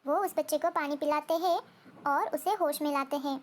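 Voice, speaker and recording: A woman's voice: high voice, moderate pace. A woman narrating a children's cartoon story in a simple, sing-song way.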